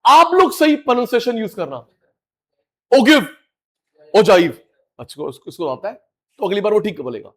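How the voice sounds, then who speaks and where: A middle-aged man teaching a live online class, animated and coaxing, repeating key words to his students. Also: high-pitched, quick pace.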